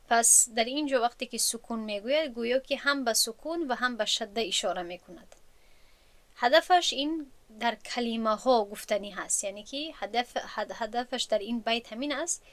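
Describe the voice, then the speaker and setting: A woman's voice: on the high side, a bit bright. A woman teaching a recorded lesson on recitation rules, patient and explanatory and often restating her points.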